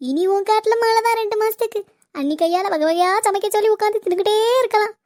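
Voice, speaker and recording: A woman voicing a bossy, whiny young wife in a cartoon comedy, pleading in a shrill, whining way. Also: fast talker, darkish tone. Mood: smug scheming. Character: bossy, whiny young wife who beats her husband. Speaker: visiting sister-in-law.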